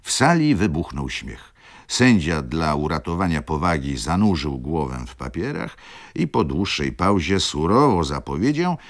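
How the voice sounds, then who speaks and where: A man, an actor, giving an expressive, theatrical reading of a novel for radio. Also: deep voice. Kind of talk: scripted narration, radio reading.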